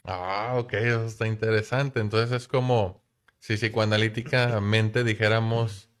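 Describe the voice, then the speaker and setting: A man's voice: fairly low pitch, fairly even intonation, unhurried, clear, resonant tone. A man hosting a casual podcast chat in a playful, chatty way. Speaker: podcast host.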